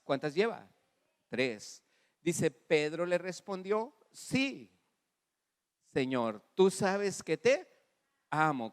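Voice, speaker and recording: A man with a Mexican Spanish accent preaching a sermon as pastor, animated, calling on the congregation to repeat after him. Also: a little high. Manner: animated preaching with audience call-and-response; acts out dialogue in varied voices. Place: church hall. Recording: long reverb in a church hall.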